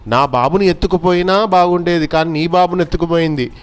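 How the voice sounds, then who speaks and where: A man's voice: a little high, brisk, clean tone, pitched above the performer's own voice, lightly acted. A man voicing a sorrowful merchant who earnestly pleads and explains, in a children's story. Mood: grieving.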